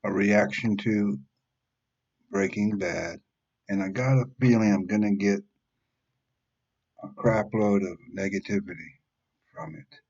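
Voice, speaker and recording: A man's voice: lowish voice, measured pace, pauses often, darkish tone, slightly rough, highs cut off. A man in his fifties hosting a reaction channel, talking bluntly and rambling in a casual monologue, swearing freely. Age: 50s. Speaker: YouTube reaction channel host.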